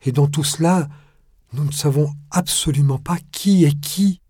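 A man's voice: medium pitch, a little slow, dark tone, no room sound, clean studio sound, close to an everyday voice. A man playing a pompous outraged mayor. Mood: solemn. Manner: solemn, shocked, grand phrases. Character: pompous indignant middle-aged male mayor.

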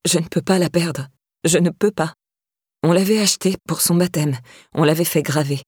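A woman narrator puts on a proud middle-aged woman in an audiobook, cold yet fragile. Her voice sits low and dark, quiet and restrained. The sound is dry and close. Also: normal speed, slightly rough, no room sound. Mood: grieving.

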